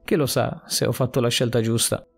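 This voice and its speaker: A man's voice: medium pitch, flat delivery, a little fast, creaky, soft background music. A man reading a desperate policeman. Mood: regretful. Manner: urgent, earnest pleading. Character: adult male police officer, desperate and self-blaming.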